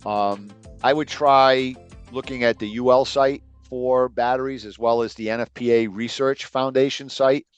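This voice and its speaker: A middle-aged man speaking as a guest expert on an online webinar, hesitant with many pauses and fillers. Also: medium pitch, fairly even intonation, clean tone, dry recording, muffled recording, soft background music. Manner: hesitant, many ums, trailing off. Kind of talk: casual online webinar talk.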